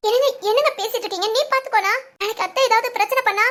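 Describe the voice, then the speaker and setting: A woman's voice: very high voice, a bit bright. A woman voicing an anxious young pregnant wife in a cartoon family drama, pleading and worried. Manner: pleading, worried, fast questions.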